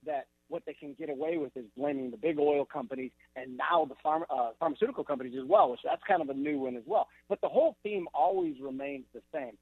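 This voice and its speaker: A man as a guest analyst on a remote TV interview, exasperated and animated. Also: a little high, fast, creaky, hardly any pauses, slightly rough, no echo. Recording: tinny phone-like remote line.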